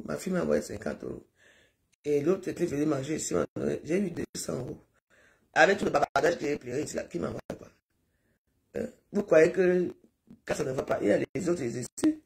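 A woman's voice: low-pitched, creaky, a little mellow, slight background noise. A middle-aged woman from Cameroon, talking in a rambling, pleading live-stream monologue that repeats itself.

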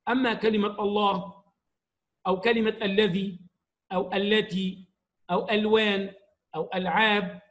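A man teaching an Arabic grammar lesson to young pupils, explaining slowly and stressing each example word. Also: high-pitched, level tone, a bit bright, poor audio.

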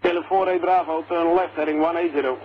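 A male air traffic controller giving brisk procedural instructions over aviation radio. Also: on the high side, fairly even intonation, dull audio.

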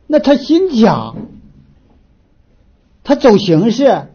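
Northeastern Mandarin man, folksy lecturer, high animated voice, restarts a lot, muffled lo-fi audio. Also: slow, creaky, husky. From Northeast China. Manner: animated storyteller, frequent filler restarts. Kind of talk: folksy moral lecture with storytelling. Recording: dull lo-fi recording.

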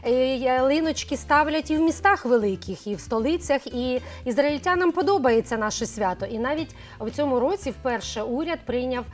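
A woman's voice: sits high, animated, brisk, few pauses. A middle-aged woman, a cosmetologist guest on a morning TV show, explaining things in a chatty way with frequent hesitations. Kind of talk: morning TV studio conversation.

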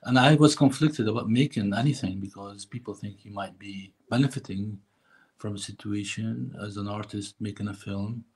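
A middle-aged man from Lebanon talks over a video call from a room indoors. His low voice is husky and a little raspy. He answers hesitantly, with fillers and restarts as he searches for words. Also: moderate pace, a little mellow, rough recording. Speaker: filmmaker guest. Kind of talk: interview answer.

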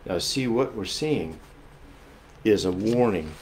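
A man's voice: fairly low pitch, animated, slow, slight background noise. Earnest male pastor preaching a sermon. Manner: earnest, emphatic, shifts often between loud and soft; repeats and restarts phrases while explaining.

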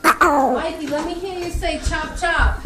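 Grandma talking sing-song to the baby, high and bouncy, far from the mic in an echoey noisy room. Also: female voice, measured pace. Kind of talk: casual home video talk to a toddler. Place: family home, another room.

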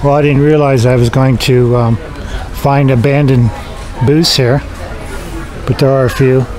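A man's voice: medium pitch, flat delivery, a little slow, a crowd in the background, poor audio. A man casually narrating as he films his walk through an indoor flea market, making wry remarks. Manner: chatty, wry remarks while filming. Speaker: vlogger touring a flea market.

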